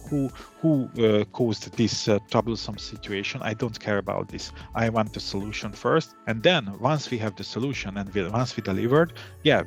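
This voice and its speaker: A middle-aged man from Hungary, calmly answering interview questions, with many fillers and restarts. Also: lowish voice. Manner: calm. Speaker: interview guest, data analytics head.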